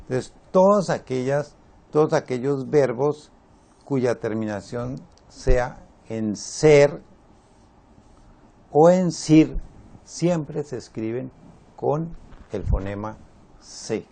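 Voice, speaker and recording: A man teaching a spelling lesson, slow and deliberate, repeating his examples. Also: mid-range voice, lively intonation, gravelly, warm tone.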